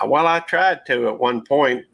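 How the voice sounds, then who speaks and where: A man's voice: mid-range voice, a little slow, creaky, a bit bright. A man, hosting a casual live-stream panel chat in a folksy, rambling drawl. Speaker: channel host.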